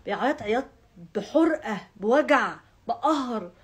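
A woman's voice: fairly high pitch, expressive, normal speed, husky. A woman with an Egyptian Arabic accent, chatting casually to her viewers and stressing points by repeating words over and over. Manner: emphatic, piles up repeated words. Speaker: astrology vlogger.

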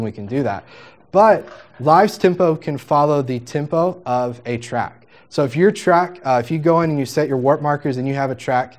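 Upbeat man teaching a software workshop. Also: a little high. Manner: upbeat, jokey, chatty teaching with quoted asides. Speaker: music software trainer. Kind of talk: live workshop demonstration.

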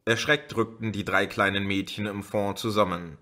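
A man reading a novel aloud as an audiobook in a slow, measured way. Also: fairly low pitch, fairly even intonation, sharp tone. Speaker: audiobook reader. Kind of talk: audiobook narration.

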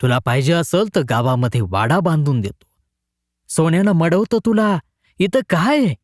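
A man's voice: big pitch swings, normal speed, no echo, clean studio sound. Man doing a growling lecherous village headman. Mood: menacing. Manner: low growling threats.

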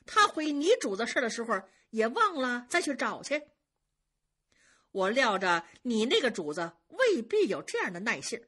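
A woman's voice: fairly high pitch, very animated, moderate pace, fairly bright tone, slightly rough, voice pushed up, exaggerated voice. A woman storyteller voicing a proud young noble lady who speaks in a cold, mocking way. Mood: sarcastic.

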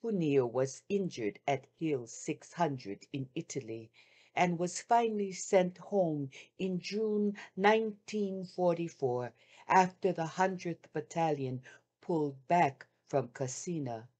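An older woman on a video call, reading a first-person wartime memoir aloud in a measured, heartfelt way with long pauses. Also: on the low side, a little mellow. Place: home room with shoji screens. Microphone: video call webcam.

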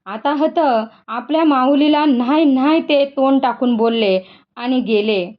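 A woman's voice: sits high, a little slow. A woman voicing a blunt, gossipy village farmer in rustic speech, in a dull lo-fi recording.

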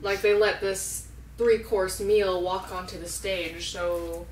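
A woman's voice: mid-range voice, steady tone, takes it slowly. A young woman vlogger chatting casually and teasing her friend with jokes. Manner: joking, teasing. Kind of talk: casual chat. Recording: echoey room, mic far off, noisy.

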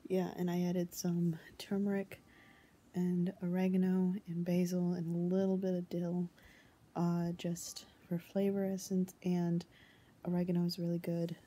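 A young woman chatting casually to camera in a hushed, near-whispering voice kept low, halting as she goes. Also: monotone, husky. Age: young adult. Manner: hesitant, halting. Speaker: home cooking vlogger. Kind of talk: quiet casual chat to camera. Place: indoors in a home living room. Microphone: phone held at arm's length.

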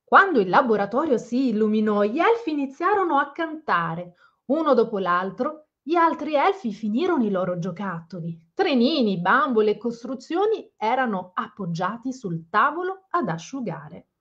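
Woman reading to kids, gentle, explaining, high lively voice, dull lo-fi recording. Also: moderate pace. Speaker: storyteller for children. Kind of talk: children's picture book read-aloud with comments. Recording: slightly dull lo-fi sound.

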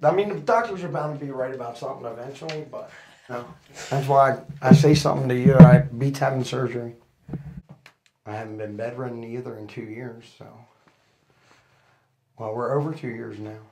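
Speaking a little fast and pausing often, this middle-aged man, in his 40s or 50s, has a mid-range voice with a dark tone. He rambles casually while lying on the table for treatment in a small chiropractic office indoors; the rough recording carries noticeable background noise and clicks.

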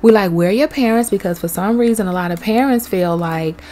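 A woman's voice: medium pitch, fairly quick. A woman vlogger with a son, chatting casually and telling a story while touring a game world. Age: young adult to middle-aged, has a son. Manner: chatty, animated, swears casually. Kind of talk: casual storytelling over gameplay.

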